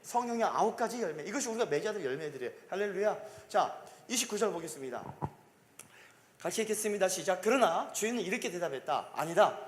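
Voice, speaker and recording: Male pastor, emphatic call-and-response sermon; high, animated voice in a reverberant sanctuary. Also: fast talker. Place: church sanctuary. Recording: long reverb of a church hall.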